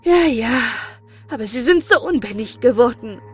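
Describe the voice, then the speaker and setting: A woman voicing an old female apple seller in a storybook reading, loud and sharp-tongued, with a higher voice. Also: unhurried, faint music behind, close to an everyday voice. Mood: softened. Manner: loud, scolding, shrill.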